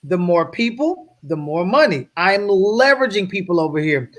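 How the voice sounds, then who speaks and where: A man giving an energetic slide presentation as a guest speaker on a video call, often checking in with his audience. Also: high-pitched, normal speed. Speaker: guest speaker on wealth building.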